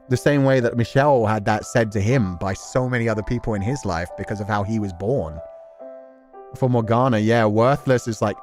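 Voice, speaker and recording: A game streamer with a lowish, darkish male voice analyses a story in casual, emotive live commentary. He swears freely and acts out the characters' imagined inner thoughts.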